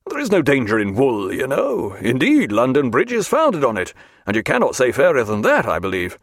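A man's voice: mid-range voice, wildly swooping pitch, normal speed, no echo, clean studio sound. A man voicing a hearty, good-humoured naval captain in an audiobook, with bluff, old-fashioned, confident speech. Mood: jovial.

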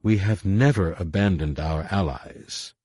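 A man's voice: low voice, mellow, husky, no echo, studio quality. A man voicing a composed woman diplomat, a princess who speaks firmly and carefully. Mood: resolute. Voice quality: measured, firm.

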